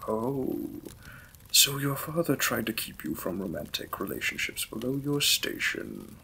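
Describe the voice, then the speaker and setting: In a Victorian romance audio drama, a male actor voices a polite, reserved vampire lord who is also a gentle new husband. His mid-range, sing-song delivery is formal and unhurried, crisp and bright with creaky fry, fully in character and reflective and tender. Noticeable noise sits behind the recording.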